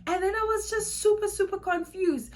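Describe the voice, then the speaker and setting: In a very high voice at a moderate pace, a young South African woman talks casually to her vlog camera. A native Xhosa speaker in her young adult years, she laughs easily and tends to repeat words.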